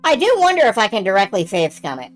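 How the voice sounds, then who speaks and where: Woman let's play host, casual and sweary, animated pitch swings, music behind. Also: fast. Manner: sweary, self-narrating. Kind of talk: casual game commentary. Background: game music.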